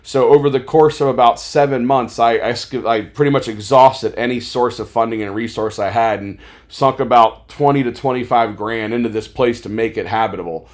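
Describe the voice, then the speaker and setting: A man's voice: mid-range voice, moderate pace, hardly any pauses. A man talking as a podcast guest, telling his life story in a rambling, casual way with lots of fillers, animating the voices of people he quotes. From Maryland, USA. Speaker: podcast guest, toy store owner.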